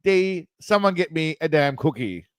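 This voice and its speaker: A man's voice: on the high side, expressive, normal speed, clean tone, no room sound. Tipsy man hosting a rambling quiz stream. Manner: rambling, loose, swearing, reads quiz options aloud. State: tipsy, self-described as wasted. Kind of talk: casual livestream chat.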